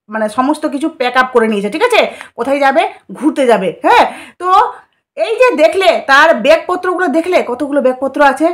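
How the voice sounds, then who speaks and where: High-voiced woman spilling gossip. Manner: conspiratorial, rhetorical questions to viewers. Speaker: vlogger. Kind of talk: gossip commentary vlog.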